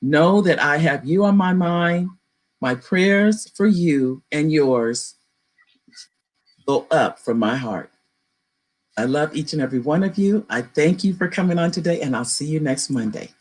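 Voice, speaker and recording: Woman talk-show host, effusive and gracious, signing off with warm thanks. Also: low voice, a little slow, slightly rough.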